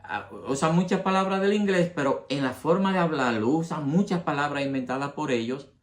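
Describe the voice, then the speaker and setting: A man's voice: a little high, a little fast. A man from the Republic, hosting a history channel and explaining things to his viewers with examples. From Dominican Republic. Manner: addresses the audience directly, explains with examples.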